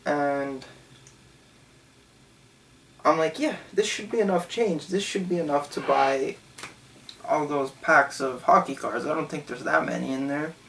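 This young Canadian man in his twenties hosts a channel and tells a loose, rambling story from a small bedroom, full of "um" and "like." His fairly high voice is gravelly and sharp, with a measured pace and long pauses, and the low-quality recording is distant from the mic with a little hiss or hum.

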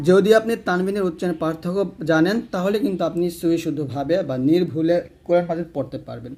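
Guy teaching quran pronunciation, kinda high voice, slow careful letter drills. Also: a little mellow. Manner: slow, drawn-out drill of each letter sound, brisker explanations. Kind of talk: step-by-step pronunciation lesson.

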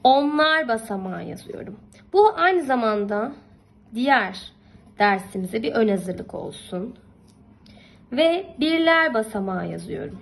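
A young woman with a fairly high, sing-song, gravelly voice teaches young children a math lesson at a measured pace, patiently and affectionately encouraging them, often repeating herself and checking they follow. The audio quality is poor.

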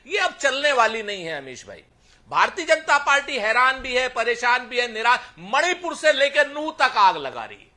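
A man's voice: extremely high pitch, bright, forceful tone. A man speaking as a party spokesperson in a heated TV debate, sarcastic and declamatory, reciting couplets. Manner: sarcastic, mocking.

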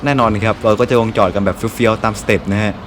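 A man's voice: fairly low pitch, flat delivery, fast. A young man casually commentating his gameplay from a dorm room, chatty and very polite, laughing often. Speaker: gaming host. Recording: road noise bleeding into mic. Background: street traffic noise.

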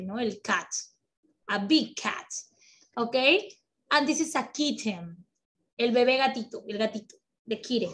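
High voiced lady teacher on a video call, takes it slow, cheers the kids on. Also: a bit bright. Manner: encouraging, slow, mixes English and Spanish. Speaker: English teacher. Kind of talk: online children's class.

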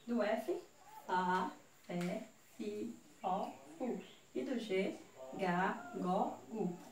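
A woman with a Brazilian Portuguese accent giving a children's video lesson, spelling out syllables slowly. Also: medium pitch, a little mellow. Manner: slow, syllable-by-syllable teaching. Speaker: teacher. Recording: echoey room, voice from far off, faint hiss.

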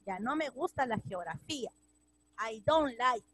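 A woman's voice: fairly high pitch, lively intonation, unhurried, a bit bright, dry recording. A woman teaching English to children, patiently repeating each phrase and translating it. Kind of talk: classroom lesson for children.

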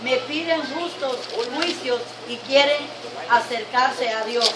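A woman's voice: high-pitched, slow pace, crowd noise. A woman in the congregation reading a scripture passage aloud. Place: church sanctuary. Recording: echoey church with congregation around, from far off.

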